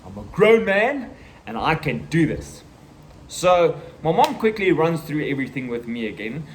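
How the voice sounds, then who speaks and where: A South African man in his thirties telling a personal story in a casual vlog, acting out the voices and the shouting. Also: on the high side, sing-song, moderate pace, a little hiss or hum. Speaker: vlogger.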